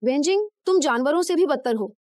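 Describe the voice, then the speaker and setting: A wronged young heiress confronts her betrayers in a high, cutting voice, played by a woman. The lines of this dubbed drama sound dry and close, and every word accuses. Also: animated, fairly quick, a little mellow, dry recording. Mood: accusing. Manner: cold, accusing. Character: wronged wealthy young heiress seeking revenge.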